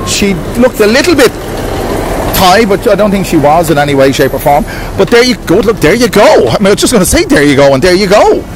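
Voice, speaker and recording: An Irish vlogger host in his fifties rambles through a casual street vlog at a night market, repeating himself and chatting to viewers he calls lads. His high-sitting voice is very animated and quick. A handheld camera mic picks him up outdoors amid a crowd, music and a noisy background.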